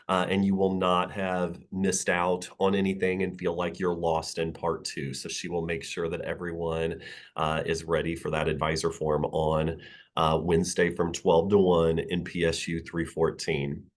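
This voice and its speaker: A deep, low-pitched man with a stuffy, nasal sound from being sick. He delivers forum announcements in a measured, steady way, often pausing with "uh" between phrases. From Missouri. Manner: measured, frequent uh fillers. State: nasal from a cold. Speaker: director of advising center, forum host. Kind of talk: opening announcements at a virtual staff forum.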